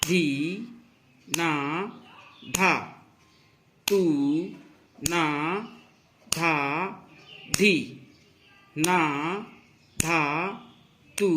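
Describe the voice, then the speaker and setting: A man's voice: sits high, bright, forceful tone. A man teaching a music lesson online, explaining rhythm and counting beats aloud with frequent "thik hai" check-ins. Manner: counts beats and recites tabla syllables slowly. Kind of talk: online lecture.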